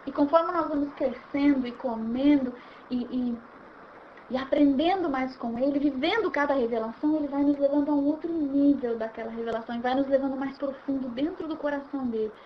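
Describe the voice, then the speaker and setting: A woman leading an informal Bible study, animated and acting out scenes as she explains. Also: sits high, lo-fi sound, a little hiss or hum. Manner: animated, acts out scenes, repeats words while restarting.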